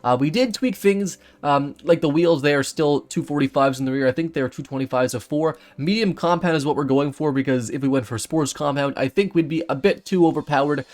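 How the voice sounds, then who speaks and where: A man's voice: on the high side, brisk, few pauses. A man hosting a car build walkthrough, then chatting and laughing with friends while racing in a driving game. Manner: upbeat, laughs often, excitable when startled. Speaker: host.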